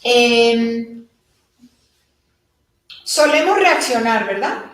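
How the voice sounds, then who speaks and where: Woman, spiritual teacher, high voice, animated, acts out little dialogues, live talk, distant mic. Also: very slow. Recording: echoey room from a distant mic.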